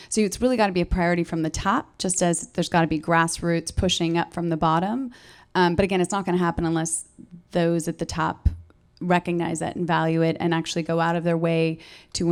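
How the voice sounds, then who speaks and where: A woman speaking on a stage panel with a smooth, resonant voice pitched a little low. She talks earnestly, leaning on repeated phrases to drive her point home. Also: darkish tone. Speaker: panelist, filmmaker. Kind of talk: panel discussion. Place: event panel before an audience.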